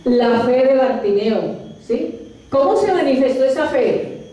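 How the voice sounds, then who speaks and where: High-voiced woman pastor preaching. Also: animated, mellow, slight background noise. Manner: slow, storytelling, asks the congregation questions. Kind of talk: sermon. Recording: echoey hall, voice from far off.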